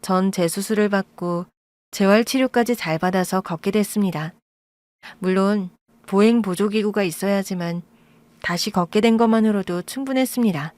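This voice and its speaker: A woman calmly narrating a first-person family story in a measured storytelling voice. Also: mid-range voice, dry recording.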